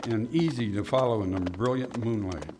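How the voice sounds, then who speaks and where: In the style of an old-time radio drama, a man narrates a scripted Western adventure. His voice is on the low side and a little mellow, and he speaks at a moderate pace. The background is clearly noisy.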